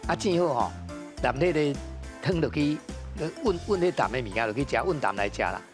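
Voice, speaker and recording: Lively Taiwanese Hokkien-accented man explaining things. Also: mid-range voice, fast talker, music in the background. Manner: didactic, peppered with filler particles. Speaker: language expert commentator on a quiz show. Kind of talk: unscripted explanatory commentary.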